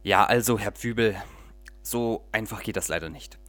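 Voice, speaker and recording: A man's voice: fairly low pitch, moderate pace, a bit bright, no echo, faint music behind, lightly acted. A stiff, pedantic clerk from a trade office talks in formal officialese in a storybook tale, as a man reads him aloud. The recording is dry and close. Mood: officious.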